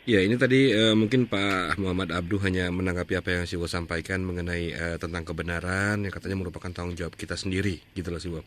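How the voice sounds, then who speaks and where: Deep fast-talking male radio host. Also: steady tone, a bit bright, a little hiss or hum. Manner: brisk, polite, rephrases callers' questions. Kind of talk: call-in radio hosting.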